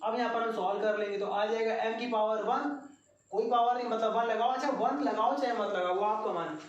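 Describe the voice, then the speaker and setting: A man's voice: high voice, fairly quick, dull audio. A man teaching a physics lesson, explaining step by step and talking straight to his students. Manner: repetitive, step-by-step explaining, addresses students directly. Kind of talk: classroom lecture at a board. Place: classroom at a coaching centre. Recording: very echoey room, mic far off.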